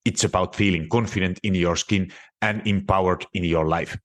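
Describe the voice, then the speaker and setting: A man's voice: low voice, fairly even intonation, moderate pace. A man reading the scripted intro of his fitness podcast in an upbeat, announcer-like way. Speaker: podcast host.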